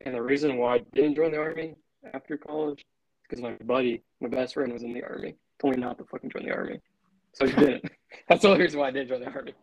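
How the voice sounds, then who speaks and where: A man speaking as an interview guest in a relaxed, laid-back way, swearing freely. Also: medium pitch, quick pace, creaky, no echo, low-quality recording. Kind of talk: casual interview chat.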